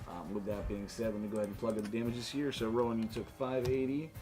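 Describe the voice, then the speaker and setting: This game master has a lowish voice with fairly even intonation and talks quickly. He runs the tabletop RPG in a loose, informal style with some swearing, over background music.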